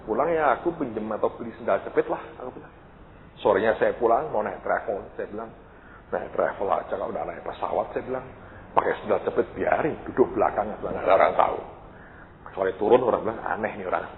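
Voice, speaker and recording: Animated male pastor in echoey hall. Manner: animated, acts out dialogue with sudden high-pitched outbursts. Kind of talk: storytelling sermon. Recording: echoey hall, tinny lo-fi sound with faint noise.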